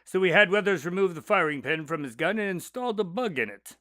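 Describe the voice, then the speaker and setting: Doctor Watson, lively high-voiced storyteller played by a man. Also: fast talker, no echo, clean studio sound. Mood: conversational. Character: affable male doctor, detective's companion, recounting cases. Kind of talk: radio drama, conversational storytelling.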